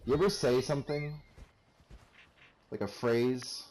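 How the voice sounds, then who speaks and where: A man's voice: mid-range voice, measured pace, darkish tone, a little hiss or hum, rough recording. A man giving casual, rambling gameplay commentary with wry, self-mocking jokes. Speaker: let's play commentator.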